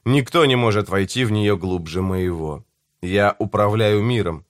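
A man giving a measured, deliberate first-person reading of a novel as an audiobook narrator. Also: lowish voice, no echo, clean studio sound.

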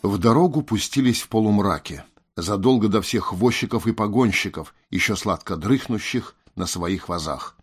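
A man narrates a fantasy audiobook in a measured, slightly wry manner. His voice sits low. The reading is even and unhurried. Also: breathy edge, faint music behind.

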